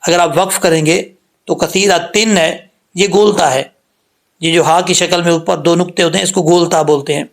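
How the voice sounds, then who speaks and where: A man teaches the rules of Quran recitation, patiently explaining letter sounds, repeating points, and demonstrating each sound slowly and drawn out. His pitch is fairly high and his intonation fairly even.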